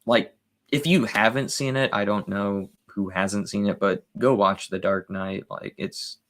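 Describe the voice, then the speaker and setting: A man with a low, gravelly voice joins as a guest movie reviewer. He talks eagerly and excitably in an easy, casual way, leaning into his enthusiasm. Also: measured pace. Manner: eager and excitable about films. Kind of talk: casual chat.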